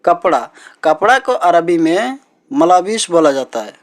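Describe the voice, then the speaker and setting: A man teaching everyday vocabulary as a language teacher, repeating each word slowly and patiently. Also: a little high, big pitch swings. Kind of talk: teaching Arabic words in Hindi.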